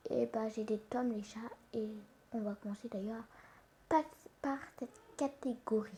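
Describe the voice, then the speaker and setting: Woman host, fairly high pitch, for halting mobile game commentary with soft whispered asides, recorded on a phone. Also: steady tone. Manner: hesitant, halting, many self-corrections. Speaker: gaming channel host. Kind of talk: casual mobile gaming commentary. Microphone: phone screen recorder mic.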